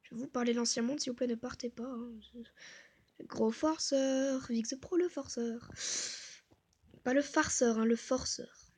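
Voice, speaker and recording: A woman narrates her gameplay in a soft, hushed way, tossing out self-mocking asides as she goes. Her voice sits high and has a slightly husky, breathy edge. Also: steady tone, moderate pace. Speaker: gaming video creator. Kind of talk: casual gameplay commentary.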